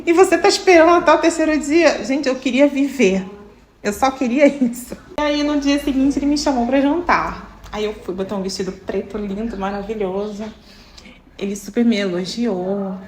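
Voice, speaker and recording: Animated Brazilian woman telling a story. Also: fairly high pitch, moderate pace, slight background noise. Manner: animated, emotional, addresses viewers as "gente". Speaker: vlogger telling her love story. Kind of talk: casual storytelling to viewers.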